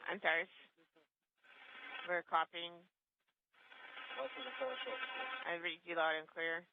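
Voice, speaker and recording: A man's voice: high voice, expressive, drawn-out words, creaky, narrow, tinny audio. Guy on a crackly spacecraft radio, short procedural calls, lots of static hiss. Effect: radio transmission. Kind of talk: clipped radio protocol talk.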